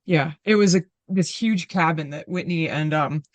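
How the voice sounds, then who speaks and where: A woman co-hosting a casual podcast, chatty and quick to laugh. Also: deep voice, dry recording. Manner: chatty, many "like" fillers, laughs a lot. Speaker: podcast co-host. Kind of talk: casual chat.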